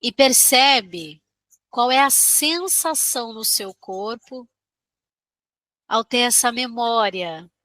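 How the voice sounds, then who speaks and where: Brazilian female meditation guide: soothing delivery, higher-pitched and clearly bright, gentle instructions with generous pauses. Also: lively intonation, dry recording.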